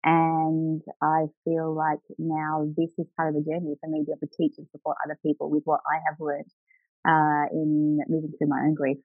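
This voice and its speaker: A woman's voice: sits low, completely flat delivery, moderate pace, no echo. A dull, band-limited recording of a middle-aged woman being interviewed as a coach. She speaks in an earnest, reflective way about her own experience. The sound is dry, with faint music behind. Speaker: guest, grief recovery coach. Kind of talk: personal storytelling in an interview.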